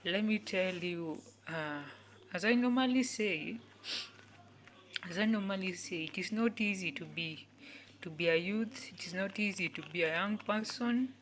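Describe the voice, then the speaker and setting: In her twenties, this young woman gives a repetitive motivational talk, speaking slowly and earnestly and saying each line over and over as if pleading with the audience. Her medium-pitched voice occasionally drops to a hushed whisper, with slight background noise behind it.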